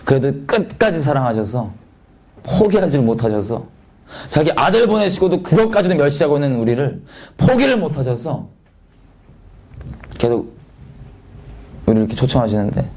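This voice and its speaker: A man preaching in a casual, conversational way, asking the audience many rhetorical questions and swinging his pitch up and down for emphasis. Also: mellow. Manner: sudden swings between raised and dropped pitch for emphasis. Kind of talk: sermon.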